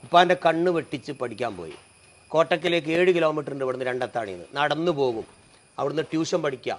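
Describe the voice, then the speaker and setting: A middle-aged man, telling an emotional personal story. His voice drops low and soft at the sad moments. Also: lively intonation, fast.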